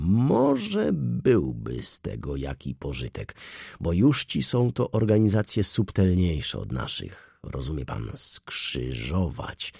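A man reading an audiobook voices a scheming middle-aged male lawyer who talks in an animated, persuasive, theatrical way. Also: low voice, creaky, breathy edge, dry recording, clean studio sound, exaggerated voice. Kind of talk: audiobook character voice.

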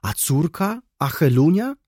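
Man playing an anxious old mother in an audiobook, lamenting and husky. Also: on the high side, very animated, measured pace, dark tone, no echo, studio quality, pitched above the performer's own voice, exaggerated voice. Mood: fretful. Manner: fretful, lamenting. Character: anxious, pious elderly mother.

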